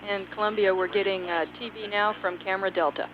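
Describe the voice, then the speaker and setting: A woman working as capsule communicator, answering in brisk, clipped radio procedure over a radio transmission. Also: mid-range voice, steady tone. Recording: lo-fi, noisy radio link.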